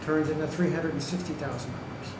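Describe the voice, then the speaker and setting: Speaking at a quick pace with fairly even intonation, this man's voice sits a little high. He's giving public comment in a county government meeting room, stressing his points emphatically and dropping in "okay" and "right" to check in. The hall echoes, and background noise is audible.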